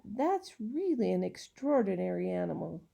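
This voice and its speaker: A woman voicing a thoughtful, sensible boy in a children's story, speaking in a measured way. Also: mid-range voice, big pitch swings, creaky, mellow, heavily acted.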